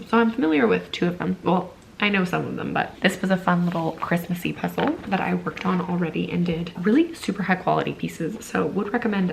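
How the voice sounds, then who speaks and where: A woman's voice: medium pitch, creaky, noisy background. A woman vlogger who works at a library, talking casually at home and rambling in a chatty way. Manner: rambling and conversational, with frequent "like". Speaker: book vlogger and library worker. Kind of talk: casual chatty vlog talk.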